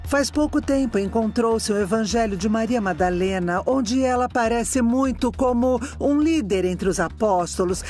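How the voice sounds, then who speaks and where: High voiced brazilian dub guy explaining stuff, storyteller vibe. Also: darkish tone. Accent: Brazilian Portuguese. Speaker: expert interviewee, dubbed. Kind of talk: documentary voice-over dub. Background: faint music.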